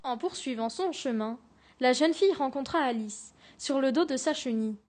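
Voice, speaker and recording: Young female narrator for a class storybook, high pitch, steady reading. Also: moderate pace.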